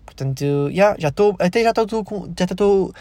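A man's voice: sits high, lively intonation, normal speed, darkish tone, dry recording. Profane, rambling Portuguese young man. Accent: European Portuguese. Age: 20s. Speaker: vlogger. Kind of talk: casual monologue.

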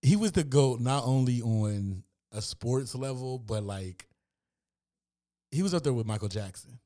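A man co-hosting a podcast in casual chat, laying out facts in a relaxed, laid-back way. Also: mid-range voice, a little slow. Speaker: podcast co-host.

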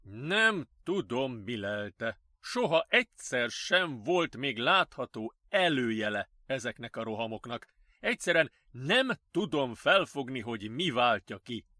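A man voicing the exasperated male director of a psychiatric clinic, speaking slowly with a raised voice, in an audiobook. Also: mid-range voice, big pitch swings, bright, forceful tone, no echo, clean studio sound. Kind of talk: audiobook character voice.

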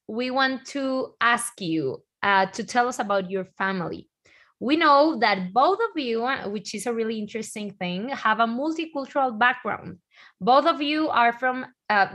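Woman asking interview questions, kinda high voice, friendly, stops n restarts a lot. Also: fairly bright tone. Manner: friendly, halting, many fillers. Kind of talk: casual interview.

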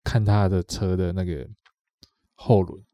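A man's voice: deep voice, fairly even intonation, measured pace, dark tone, no room sound. A man with a Taiwanese Mandarin accent telling a rambling story on a podcast, repeating himself and acting out what others said. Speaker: podcast co-host. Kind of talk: casual storytelling chat.

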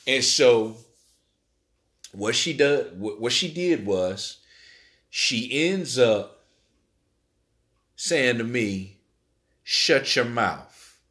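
A middle-aged man from Illinois telling a personal story in a halting way, repeating words and leaning on fillers. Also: mid-range voice, animated, fairly bright tone. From Illinois, USA. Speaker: interviewee.

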